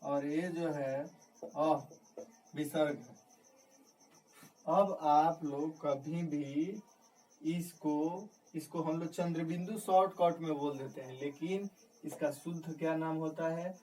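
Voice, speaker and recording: Guy teaching grammar, talks real slow, repeats stuff, asks then answers himself, a bit far from the mic, faint hiss. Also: a little high, steady tone, a little mellow. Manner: repetitive, asks questions and answers them himself. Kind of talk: classroom grammar lesson. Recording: distant mic with faint background noise.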